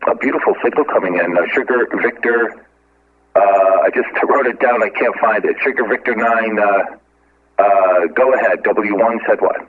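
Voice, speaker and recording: A man making a ham radio call, reading out call signs letter by letter in the phonetic alphabet. He sits a little low in pitch and halts on filler sounds between phrases. The audio comes through thin and narrowband, like an amateur radio transceiver. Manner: halting, with frequent filler sounds. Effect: ham radio call over a narrowband transceiver.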